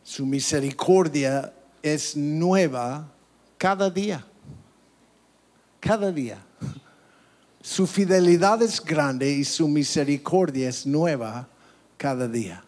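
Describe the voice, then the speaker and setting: Male pastor, high voice, unhurried animated sermon, frequent amens. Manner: animated preaching with frequent call-outs of amen; stumbles and restarts words, laughs at own slips.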